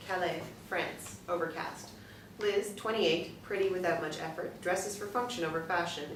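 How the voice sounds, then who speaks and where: Woman reading screenplay directions, kinda low voice, really echoey, mic far off. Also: fairly bright tone. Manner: measured, matter-of-fact. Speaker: narrator. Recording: roomy, distant from the mic, faint noise.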